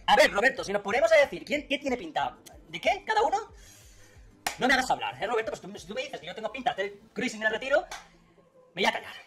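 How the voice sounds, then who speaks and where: A man's voice: high voice, sing-song, quick pace, a crowd in the background. A man, mocking a rival in a video commentary with sarcasm and laughter, faint music behind. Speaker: political commentator.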